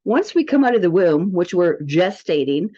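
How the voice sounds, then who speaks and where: With big swings in pitch, a woman speaks in a lowish, mellow voice at a moderate pace. She's presenting a wellness app in a casual tutorial, chatting informally and rambling a little, and the audio is dull and lo-fi.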